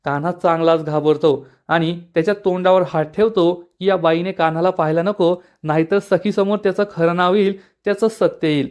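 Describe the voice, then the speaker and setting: Man, high-pitched voice, episode recap, steady storytelling narration. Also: fairly quick, few pauses, clean tone. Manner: plain storytelling narration, reads out the characters' lines. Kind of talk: retelling a TV serial episode.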